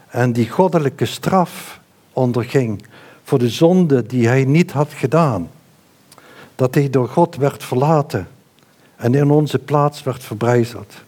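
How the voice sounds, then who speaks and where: A man preaching a sermon and praying in a slow, earnest, halting way with frequent fillers. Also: medium pitch, dark tone. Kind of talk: sermon with prayer.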